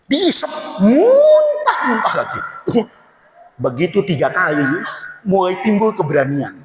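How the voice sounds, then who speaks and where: A male preacher telling a funny story in a sermon, switching between loud shouts and low asides. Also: wildly swooping pitch, a little slow. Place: large religious hall. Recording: echoey hall, faint noise.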